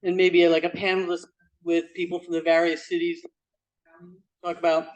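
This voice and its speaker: Woman chairing a meeting, kinda far from the mic, brisk. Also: on the low side, little pitch movement, darkish tone. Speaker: meeting facilitator. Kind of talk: running a meeting.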